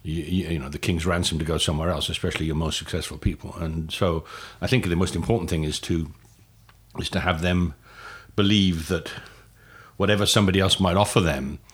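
An older man from Wales answering interview questions in a halting way, with many restarts and fillers. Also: deep voice, fairly even intonation, husky. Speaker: guest.

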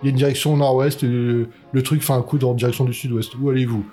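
A husky man talks fast and rambles in casual podcast chat, restarting his sentences and swearing as his exasperation builds. Faint music sits under his voice. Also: medium pitch, level tone, dark tone.

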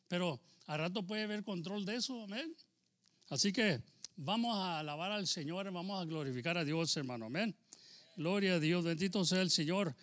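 A man's voice: high voice, fairly bright tone. A Mexican American man preaching a fervent Spanish sermon, peppered with amens, English phrases and a joking story. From United States. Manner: switches into English phrases, frequent amen and hermano. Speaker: pastor.

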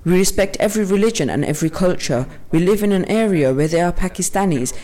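A man with a fairly high voice reads scripted documentary narration. The delivery is that of a prepared first-person account. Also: expressive, quick pace, mellow.

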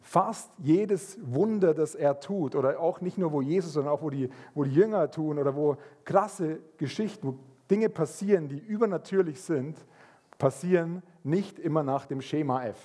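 A man preaching a sermon, telling stories in a lively way and acting out the voices of people in them. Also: on the high side, normal speed. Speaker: pastor.

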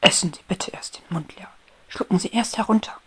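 A woman's voice: medium pitch, a little fast, a bit bright, breathy edge. A woman voicing a prim, grumpy but polite male rose beetle in a whispered storybook role-play, formal in tone. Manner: formal, indignant scolding.

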